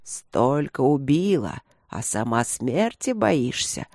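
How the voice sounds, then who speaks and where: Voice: medium pitch, a little slow, darkish tone, dry recording, studio quality, close to an everyday voice. A reader voicing a cold, ruthless old emperor who speaks in a hard, curt, commanding tone. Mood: mocking.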